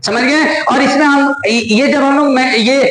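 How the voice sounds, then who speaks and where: A man's voice: very high-pitched, fairly even intonation, a little slow, a bit bright. A man teaching math to a class, explaining step by step and teasing and scolding students, checking often that they follow. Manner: scolding and joking with students, repeated check-ins. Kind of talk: classroom lecture. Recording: echoey classroom with student chatter.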